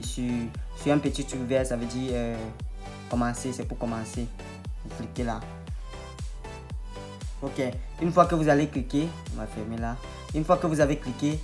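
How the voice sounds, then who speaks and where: A man explaining a computer tutorial step by step over a screen recording. He talks patiently and repeats steps to make them clear. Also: medium pitch, a little mellow. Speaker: online tutorial host.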